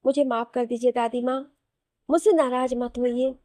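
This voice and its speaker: A woman voicing a quiet, sorrowful young bride in a spoken story. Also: fairly high pitch, little pitch movement, moderate pace, no room sound, studio quality, lightly acted. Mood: subdued.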